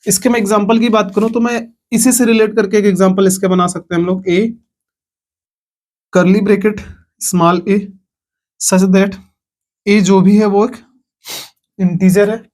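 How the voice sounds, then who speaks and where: A man's voice: high-pitched, little pitch movement, measured pace, long pauses, a little mellow. A man teaching a maths lesson online, explaining step by step and asking the class questions. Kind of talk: online lecture.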